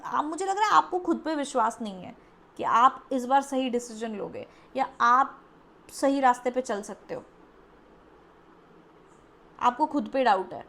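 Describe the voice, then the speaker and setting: A woman's voice: high voice, lively intonation, a little slow, long pauses, pushed and bright. A woman giving a pick-a-card tarot reading in a chatty, coaxing way, acting out the listener's doubts. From India. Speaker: tarot reader.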